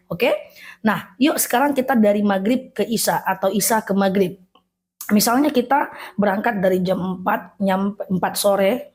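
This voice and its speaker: A woman's voice: mid-range voice, darkish tone, husky. A woman religious teacher giving a casual lesson, explaining step by step and checking in with her listeners. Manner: patient, explains step by step, asks "Oke?".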